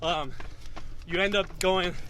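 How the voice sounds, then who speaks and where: A man's voice: high-pitched, fairly even intonation, slow, a bit bright. A young adult man hosting a casual, slangy interview while running outdoors. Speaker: interviewer, host. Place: moving along an open dirt road outdoors. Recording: faint outdoor road noise.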